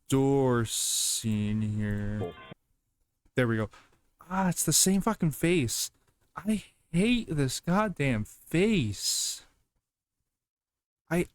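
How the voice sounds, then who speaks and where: A reaction video host gives casual commentary and reads aloud, halting as he goes and repeating himself when he stumbles. His voice is mid-range, with no room sound.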